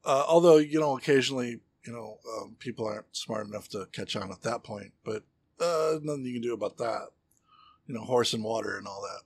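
A husky, slightly rough-voiced man co-hosts a comedy podcast in a loose, chatty way. He stretches his jokes out, stalling on fillers and restarting his sentences as he goes. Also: medium pitch, fairly quick, a little mellow. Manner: rambling joke-telling with many fillers and restarts. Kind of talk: casual comedy podcast chat.

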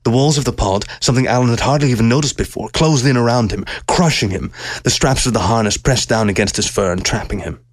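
A man narrating a science-fiction story aloud with steady, measured storytelling. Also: medium pitch, no echo, clean studio sound.

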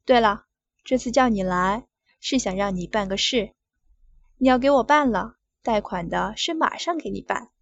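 A woman's voice: on the high side, moderate pace, no room sound, lightly acted. A woman voicing a crude, domineering middle-aged male official who barks orders, in a dull lo-fi recording. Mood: smug. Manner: coarse, domineering, barking orders.

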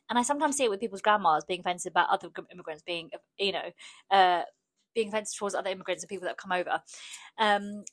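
A woman's voice: medium pitch, fairly bright tone, no room sound. A woman from England, talking casually to camera as a vlogger, often restarting sentences. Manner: chatty, with frequent restarts and filler words.

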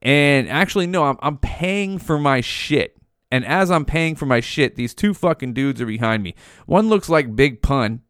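A man hosting a casual podcast, rambling through stories with constant swearing and slang. His voice is smooth and medium in pitch. The sound is dry and close, with no room around it. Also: lively intonation, moderate pace, a bit bright, no echo. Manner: rambling, heavily profane, slangy. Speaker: podcast host. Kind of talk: casual monologue storytelling.

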